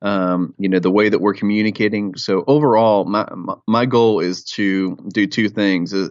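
A man's voice: lowish voice, no room sound. A young man, a church creative arts pastor, answering interview questions in an upbeat, fluent way. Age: young adult. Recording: dry lo-fi audio.

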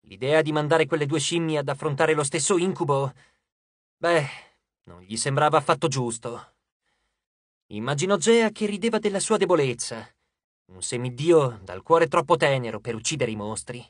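A man's voice: on the high side, normal speed, no room sound, studio quality. A man narrating an audiobook, telling the story expressively. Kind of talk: scripted narration.

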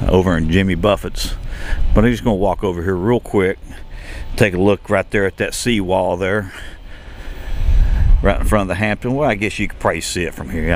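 Deep and gravelly, this male travel vlogger offers casual, rambling walking-tour commentary outdoors at a shopping and entertainment complex. Fillers and restarts are frequent, and there's slight background noise.

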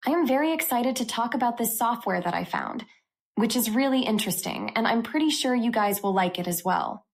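A woman hosting a tech channel, walking through a software review step by step in an upbeat way. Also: a little high, expressive, a little fast.

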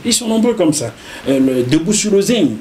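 A middle-aged man with a Cameroonian French accent, a journalist recounting his career as an interview guest, animated and repeating words as he goes. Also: sits high, normal speed, slight background noise. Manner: animated, repeats words while telling a story. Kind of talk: casual interview storytelling.

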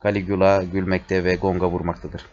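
A man slowly reading a play aloud, including the stage directions, in a measured way. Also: low-pitched, completely flat delivery, a little mellow. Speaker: reader. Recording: dull lo-fi recording.

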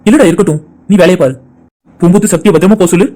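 Cartoon role: a man doing a gloomy, lovesick young man, high voice, brisk. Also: warm tone. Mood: heartbroken. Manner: sorrowful, low and subdued. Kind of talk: cartoon voice acting.

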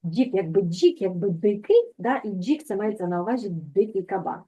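A woman teaching a language lesson over a video call, patiently repeating words slowly to correct pronunciation. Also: medium pitch, lively intonation, mellow, husky, dull audio.

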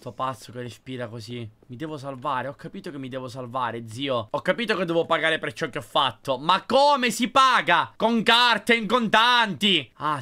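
A young man commenting on a game, excitable and switching between mumbling and shouting. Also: fairly high pitch. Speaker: gaming youtuber. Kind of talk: gaming commentary. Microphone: desk microphone.

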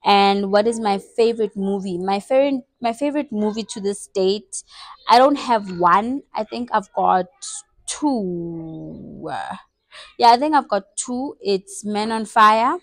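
A woman's voice: medium pitch, measured pace, dry recording. A woman in her twenties with a South African accent, chatting playfully and teasing herself in a casual get-to-know-me vlog. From South Africa, Eastern Cape. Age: 20s. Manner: chatty, playful, self-mocking. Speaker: vlogger.

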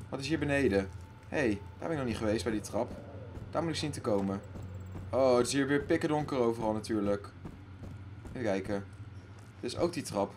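A man hosting a let's play who talks to himself and loudly panics while playing. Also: mid-range voice, a little hiss or hum. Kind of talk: casual gaming commentary.

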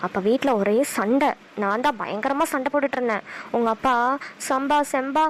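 A woman voicing a sharp-tongued but loving village mother with a Kanyakumari Tamil accent, who talks briskly and snaps back quickly. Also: high-pitched, a little hiss or hum, lightly acted. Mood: storytelling. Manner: brisk, chatty, quick retorts.

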